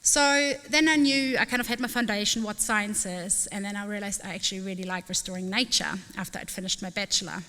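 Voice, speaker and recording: A middle-aged woman from Southern Germany, telling her story in an earnest, enthusiastic public talk and often pausing to find her words. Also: mid-range voice, steady tone, sharp tone. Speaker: freshwater ecologist giving a talk. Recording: reverberant hall.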